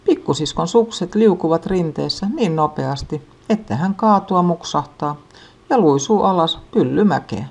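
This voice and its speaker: A woman with a notably low voice reads a children's story. Her delivery is calm and even, paced for young listeners.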